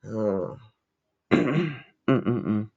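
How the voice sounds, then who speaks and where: A woman's voice: rumbling low, expressive, drawn-out words, mellow, husky. A woman reading an article aloud and breaking off into indignant, emphatic commentary. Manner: indignant, emphatic asides between read passages. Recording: slightly dull, lo-fi recording.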